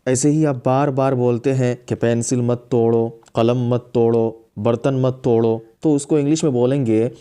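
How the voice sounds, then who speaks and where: Mellow-voiced man teaching English phrases. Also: mid-range voice, smooth. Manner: repeats each English phrase slowly several times. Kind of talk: spoken English lesson.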